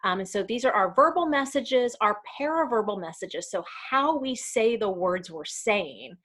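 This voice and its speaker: A woman presents an online workplace training over a video call. She talks through her slides in a relaxed, conversational way, pausing on ums and correcting herself as she goes. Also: medium pitch. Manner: casual, with frequent ums and self-corrections. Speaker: community education trainer.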